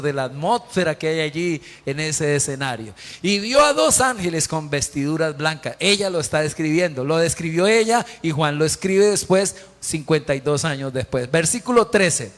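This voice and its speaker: A man's voice: on the high side, a bit bright. A man preaching a sermon as pastor, emphatic, quizzing the congregation with repeated questions. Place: church hall. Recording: long church hall reverb.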